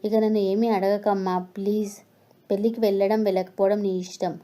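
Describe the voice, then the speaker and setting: A woman voicing a grief-stricken, guilty mother who pleads in a heavy-hearted way, in a dark voice. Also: medium pitch, little pitch movement, normal speed, lightly acted. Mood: pleading.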